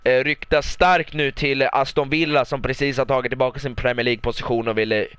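A young Swedish man calls a football match like a broadcast commentator, bursting into loud repeated goal calls. His voice is bright and clean, a little high, close on the mic in a dry room. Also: fairly even intonation, clear, resonant tone, no room sound. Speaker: gaming YouTuber commentating his own match. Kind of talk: mock football commentary over gameplay.

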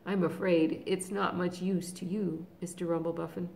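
A woman's voice: lowish voice, little pitch movement, normal speed, gravelly, a little mellow, a little hiss or hum, low-quality recording. Woman narrator doing a sweet, well-mannered young girl in a storybook. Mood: kind. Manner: polite, kindly. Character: kind, polite little girl.

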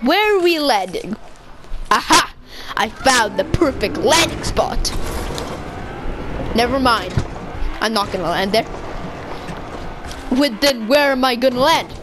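A woman giving casual, chatty commentary over her gameplay, excitable and constantly correcting herself mid-sentence. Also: a little high, slow, long pauses, noisy background. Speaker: gaming video creator.

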